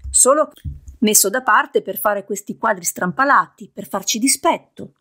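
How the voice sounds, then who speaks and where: A woman's voice: medium pitch, animated, unhurried, bright, forceful tone, breathy edge, exaggerated voice. Woman voicing an agitated scornful young man. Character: excitable hostile young man, a son.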